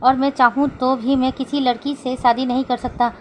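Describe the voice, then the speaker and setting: A woman's voice: high-pitched, little pitch movement, moderate pace, slight background noise, close to an everyday voice. A woman voicing a hot-tempered young father who scolds his sons in a snappy way, in a read-aloud story. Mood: earnest.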